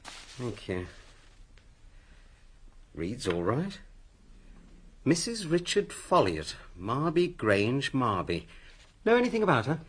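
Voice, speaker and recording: An actor playing a blunt, self-assured police inspector who questions people brusquely and a little patronisingly in a radio drama. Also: male voice, mid-range voice, huge pitch swings, slow pace, long pauses, fairly bright tone, husky, exaggerated voice. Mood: brisk. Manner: brusque, interrogating, slightly patronising.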